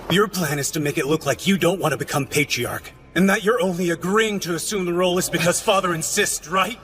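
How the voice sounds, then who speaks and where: A man's voice: high voice, brisk, a bit bright, faint music behind. An actor in an anime dub playing a proud, bitter young clansman who is intense and accusing. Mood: scornful.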